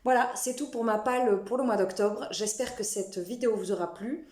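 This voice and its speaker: Young woman, mellow voice, book vlogger who teases herself, in an echoey room. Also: fairly high pitch, normal speed. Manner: chatty, self-mocking, with many restarts. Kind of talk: casual chat to camera.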